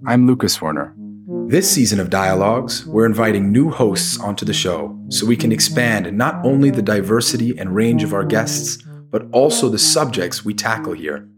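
Male host, lowish voice, smooth even scripted intro, guitar music clearly under him. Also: moderate pace. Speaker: podcast host.

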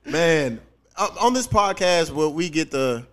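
Guy hosting a comedy podcast, highish animated voice, slangy, cussing, teasing. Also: a little slow, a little hiss or hum. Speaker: podcast host. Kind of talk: casual comedic chat.

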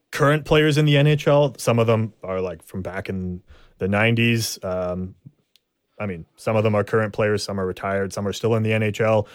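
A man with a lowish voice hosts a sports podcast in a casual, chatty style. The sound is close and dry, with little room in it. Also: smooth, dry recording. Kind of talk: casual chat.

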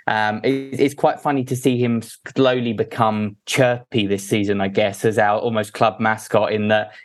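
A man's voice: lowish voice, level tone, normal speed, faint music behind. A man talking through football opinions as a podcast guest, casual and conversational.

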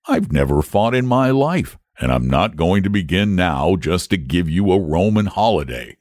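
A lazy, cultured dragon speaks in a low, slow drawl, solemn and unhurried. A man puts the voice on for a storybook reading. The sound is close and dry, with no room around it. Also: big pitch swings, darkish tone, no room sound.

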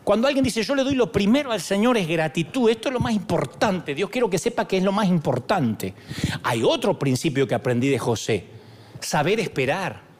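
A middle-aged pastor with a Rioplatense Spanish accent delivers a sermon. His voice sits high for a man and swoops up and down with animated, joking energy. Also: moderate pace. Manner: animated, joking preacher acting out dialogues.

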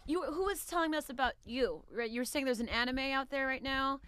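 A woman's voice: high-pitched, fairly quick, clear, resonant tone, no echo, clean studio sound. A woman comic book writer chatting casually as a podcast guest, laughing often and dropping her voice when she gets controversial. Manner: animated, laughs often, drops to near-whisper when getting controversial.

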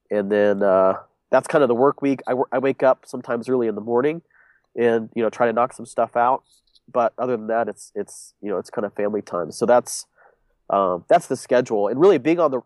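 A man's voice: medium pitch, a little mellow, no echo. A young man with a congested, stuffy voice, talking casually as an interview guest and rambling with many fillers and restarts. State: congested, sick. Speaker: guest, business owner.

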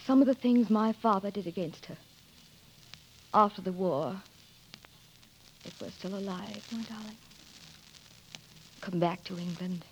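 An actress in a 1940s radio drama playing a torn but resolute young woman whose father was a spy, speaking in an earnest, hushed way. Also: on the high side, a little hiss or hum, lightly acted. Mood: tender resolve. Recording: dull old radio broadcast with music behind.

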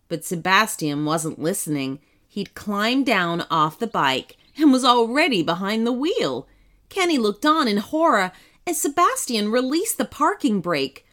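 A woman narrating a children's story in an expressive, animated storybook reading. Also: a little high.

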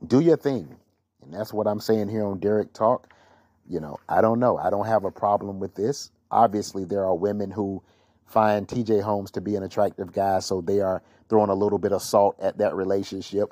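A man's voice: lowish voice, mellow, no room sound, clean studio sound. A man hosting his own gossip podcast, talking through celebrity news in an opinionated, rambling way with many fillers and restarts. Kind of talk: casual solo commentary.

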